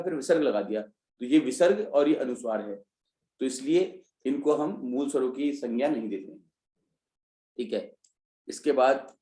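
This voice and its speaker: A man's voice: mid-range voice, dark tone, echoey room. A man teaching an online revision class, explaining step by step and answering his own questions. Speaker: Hindi teacher. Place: online class, students joining remotely.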